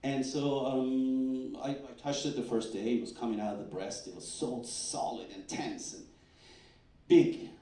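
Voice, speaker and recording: A man's voice: medium pitch, measured pace. A man, a doctor, giving a talk at a fundraising event, telling patient stories and acting out quotes with stammers. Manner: animated storyteller, acts out quotes with stammers. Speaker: doctor presenting research. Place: event hall. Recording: echoey hall, distant mic.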